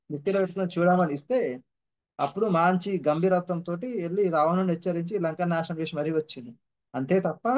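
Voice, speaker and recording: A man giving a humble, earnest devotional testimony, repeating his points for emphasis. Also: sits high. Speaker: devotee sharing his experiences.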